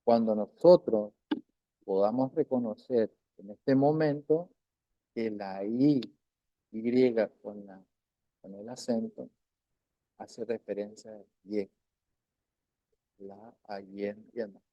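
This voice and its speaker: A man's voice: on the low side, dry recording. Patient man teaching pronunciation, dull lo-fi. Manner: patient, repeats words slowly, frequent "¿no es cierto?". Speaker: language teacher. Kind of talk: recorded language lesson.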